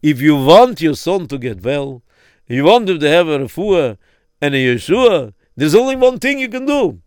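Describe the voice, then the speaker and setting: A man playing a grave, insistent rabbi who slows down to press his points. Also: a little high, sing-song, darkish tone, clear, resonant tone, no room sound, clean studio sound. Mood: solemn. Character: stern, solemn male rabbi advising a father.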